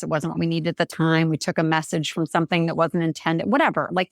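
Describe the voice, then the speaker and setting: Woman guest, candid and animated, low-ish voice, dry close sound. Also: no echo. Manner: animated storyteller, acts out quotes in varied voices; laughs easily, candid. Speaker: guest, coach and speaker. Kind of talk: casual podcast conversation.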